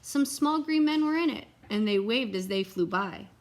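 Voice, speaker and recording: Higher-voiced woman reading to children. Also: lively intonation, normal speed. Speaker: read-aloud teacher and storyteller. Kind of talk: reading a children's picture book aloud with asides to young listeners.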